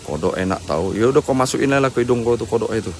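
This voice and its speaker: A man hosting a live ghost-hunting stream, chatting and joking with viewers and dropping into low murmured prayers, outdoors at night near a waterfall. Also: lively intonation, rapid-fire. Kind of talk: live-stream exploration commentary. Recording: loud outdoor background noise.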